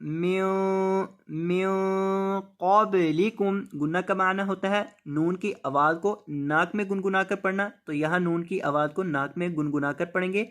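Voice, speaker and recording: A man teaching Quran reading. He draws the verses out slowly, then explains the tajweed rules briskly and repeats each word. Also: high voice, fairly bright tone. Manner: repeats words and asks rhetorical questions. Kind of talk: tajweed lesson, slow drawn-out recitation then quick explanation.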